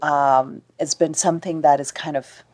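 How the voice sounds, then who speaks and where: A woman from Ethiopia hosting a podcast, speaking in a thoughtful, measured way. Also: low-pitched, fairly even intonation, a little mellow, dry recording. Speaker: podcast host. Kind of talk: reflective conversation.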